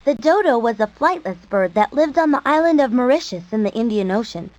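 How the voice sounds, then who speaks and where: A woman's voice: a little high, lively intonation, brisk, a little mellow, no room sound, dull audio. A woman giving scripted narration for an educational nature program.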